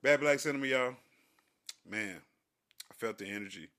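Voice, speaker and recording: A man's voice: medium pitch, normal speed, bright, forceful tone. A man co-hosting a podcast in casual chat, laid-back and full of slang. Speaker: podcast co-host.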